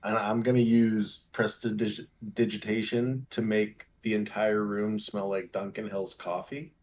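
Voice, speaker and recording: A man's voice: lowish voice, level tone, unhurried, a little mellow, slight background noise. A man talking casually as a player in a tabletop game. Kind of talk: casual chat.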